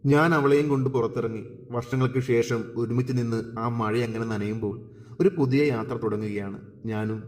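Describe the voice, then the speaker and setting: A man narrating a romantic story in a measured, soft and somber way. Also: mid-range voice, steady tone. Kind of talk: scripted narration of a love story. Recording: reverberant room.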